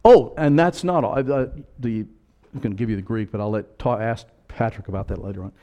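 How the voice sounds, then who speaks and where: An older man preaching a sermon to a congregation, blunt and rambling, with quiet asides and sudden loud emphatic lines. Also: on the low side, a little fast. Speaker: pastor. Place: church in front of a congregation.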